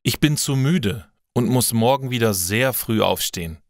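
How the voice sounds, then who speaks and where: A man's voice: mid-range voice, animated, moderate pace, no room sound, studio quality, lightly acted. A man voicing a tired young female nurse who answers her friend politely in a learner's story.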